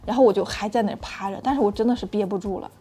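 A woman hosting her own channel, telling a frank personal story in an animated, chatty way with many restarts. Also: medium pitch, racing, slight background noise. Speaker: channel host sharing personal experience.

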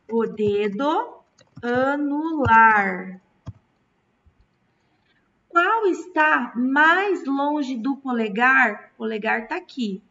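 A woman's voice: fairly high pitch, bright, forceful tone, a little hiss or hum. A Brazilian woman teaching a recorded lesson to children, patient and stretching out key words. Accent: Brazilian Portuguese. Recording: distant, dull lo-fi mic.

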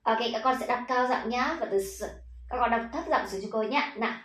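A young woman with a Vietnamese accent teaching English pronunciation to children, leading slow repeat-after-me drills and praising often. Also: fairly high pitch, a bit bright. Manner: encouraging, says "ok, very good" often, drills words slowly. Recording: echoey room.

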